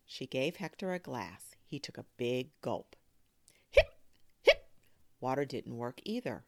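A woman hosting a storytime, reading a children's book aloud in an expressive, animated way. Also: rumbling low, normal speed, creaky, no echo, clean studio sound. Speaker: storyteller host.

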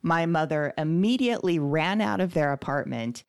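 Very low-voiced woman telling a story. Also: expressive, normal speed, clean tone. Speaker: podcast co-host. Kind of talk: casual storytelling chat.

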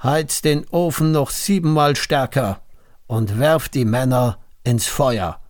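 A man voicing an angry, proud ancient king in a storybook reading, with booming outbursts. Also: takes it slowly, darkish tone, no room sound, studio quality, lightly acted. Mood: wrathful.

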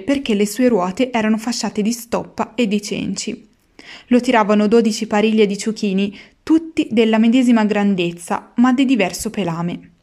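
A woman narrating a storybook in an expressive, measured reading. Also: medium pitch.

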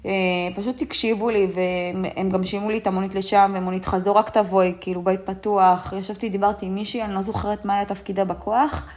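Young woman, medium pitch, first-person testimony, soft-spoken, halting, lots of fillers and restarts. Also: flat delivery. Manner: soft and subdued, often trailing off. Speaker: guest sharing a personal story.

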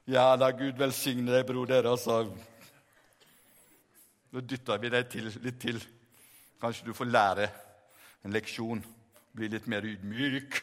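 A man voicing a group of smug, pious male disciples who mock a sinking man in a slow, sanctimonious tone. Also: medium pitch, little pitch movement, long reverb tail, pitched below the performer's own voice, lightly acted.

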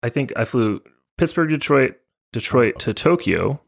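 Gravelly-voiced man telling a travel story. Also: medium pitch, animated, measured pace. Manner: storytelling, acts out voices of others. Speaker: podcast co-host. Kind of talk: casual chat.

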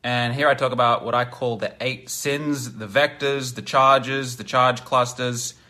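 Blunt male self-help lecturer, bright and forceful, with a long hall echo. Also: medium pitch, steady tone, measured pace. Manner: blunt, emphatic, swears. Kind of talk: lecture with sales pitch.

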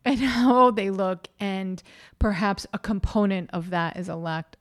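A woman's voice: medium pitch, fairly even intonation, measured pace. A woman co-hosting a podcast, musing on ideas and steering the conversation in a thoughtful, conversational way. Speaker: podcast co-host. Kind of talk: casual chat.

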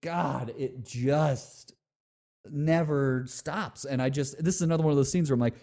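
A man co-hosting a casual movie discussion, animated, laughing often and swearing freely. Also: a little high, measured pace.

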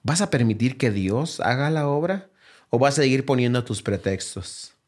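A man preaching a sermon as pastor. He drives his points home with repeated rhetorical questions, dropping low and quiet, then rising to a raised, urgent appeal. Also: expressive, moderate pace. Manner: swings between low, quiet phrases and raised, higher exhortation.

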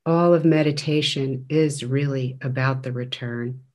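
A male meditation teacher leads a guided session at a very slow pace. His voice is gentle, medium in register, and flat in pitch, with long, measured pauses between phrases.

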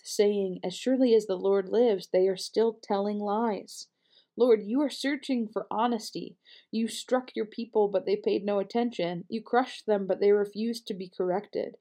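A woman reading scripture aloud in a measured, earnest way, with the odd small slip. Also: mid-range voice, warm tone. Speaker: scripture reader.

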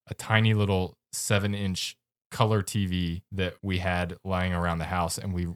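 A man co-hosting a casual gaming podcast, reminiscing in a relaxed, unhurried way. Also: low voice, smooth, no echo, clean studio sound. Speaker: podcast co-host. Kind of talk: casual chat.

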